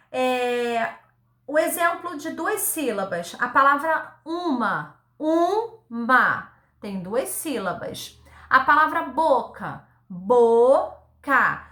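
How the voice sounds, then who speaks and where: A woman teaching young children in a recorded lesson, her voice high and bright. She talks slowly and patiently, spells words out piece by piece, and tags her sentences with a checking "tá?". The room around her is echoey. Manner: slow, patient, repeats words syllable by syllable; ends phrases with a checking "tá?". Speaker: primary school teacher.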